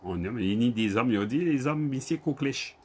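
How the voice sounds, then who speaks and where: A man with a Guadeloupean Creole accent teaching an online Creole lesson. He repeats each word slowly, spells it out letter by letter and calls on his students by name. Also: medium pitch, lively intonation, slightly rough.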